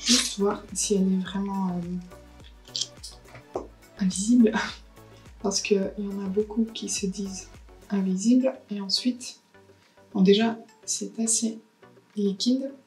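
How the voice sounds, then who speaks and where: A woman's voice: medium pitch, fairly even intonation, slow pace, pauses often, soft background music, low-quality recording. A woman, chatting casually through a beauty haul and unboxing, thinking aloud with lots of hesitations. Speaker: beauty vlogger.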